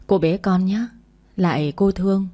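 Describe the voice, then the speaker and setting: A woman's voice: medium pitch, steady tone, unhurried, dark tone, lightly acted. A woman voicing a young pregnant woman who pleads and sounds tearful, in a storybook reading. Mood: pleading.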